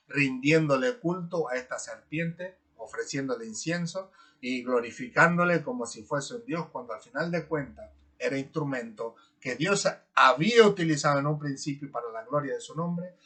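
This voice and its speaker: A man's voice: a little high, pushed and bright. A man preaching a sermon in an earnest, repetitive way, often ending phrases with a rhetorical question tag and building up emphatic lists.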